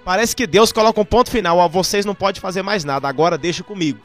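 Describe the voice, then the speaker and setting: A man's voice: high-pitched, fast talker, soft background music. A man serving as pastor and host, affirming his guest's story and summarizing it for her in a conversational way. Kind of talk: conversational interview.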